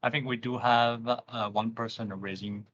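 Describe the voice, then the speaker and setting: A man's voice: medium pitch, steady tone, moderate pace, a bit bright. Guy moderating a webinar q&a, polite and brief, dull call sound. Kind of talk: moderating a live question and answer. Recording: dull lo-fi video call audio.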